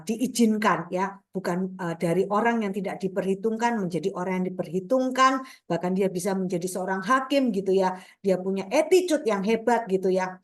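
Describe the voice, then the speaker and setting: A middle-aged woman speaks at a mid pitch, sharing a morning devotional. She talks in a loose, chatty way, full of fillers and tag questions, and keeps turning to her listeners as brothers and sisters.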